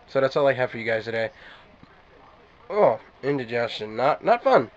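A man's voice: medium pitch, very animated, normal speed, dull audio. A man doing a casual daily vlog to camera, chatting loosely and speaking straight to his viewers. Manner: rambling, chatty, addresses viewers directly. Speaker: daily vlogger.

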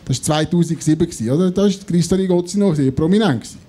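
High-pitched Swiss German man telling stories. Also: racing. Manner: animated storytelling, acting out dialogue. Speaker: comedy show panellist. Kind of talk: live anecdote telling on stage. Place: on stage in a theatre before an audience. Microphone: handheld or stand microphone held close.

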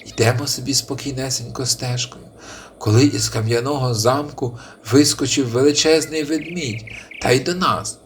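A man playing a clever, flattering little hare. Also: medium pitch, normal speed, slight background noise, lightly acted. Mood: pleading. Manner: very polite, flattering, pleading. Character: clever little male hare, humble and cunning.

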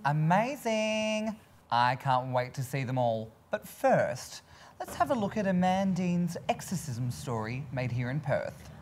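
A man's voice: fairly high pitch, very animated, unhurried, a little hiss or hum. A man presenting as a campy drag queen hostess, with arch, theatrical, scripted comic delivery. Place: TV studio set.

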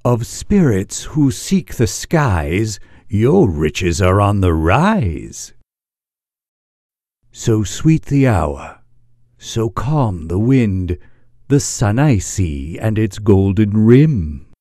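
A man voicing a courtly, solemn magic mirror spirit, making flattering, theatrical pronouncements in rhyme. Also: on the low side, extremely slow, heavily acted. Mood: serene.

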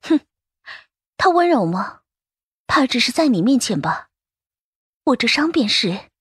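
A man reading an audiobook, voicing a proud, cool young swordswoman who turns shy, with curt, sharp retorts. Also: very high voice, lively intonation, moderate pace, slightly rough, dry recording, clean studio sound, pitched above the performer's own voice, full character voice. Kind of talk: audiobook character voice.

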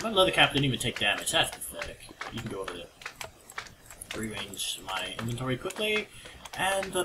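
A chatty man rambles through casual game commentary at an ordinary pitch, breaking into sudden excited yelps. The home recording is noisy, with keyboard clicks rattling behind him. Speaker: let's play commentator. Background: keyboard typing and clicks.

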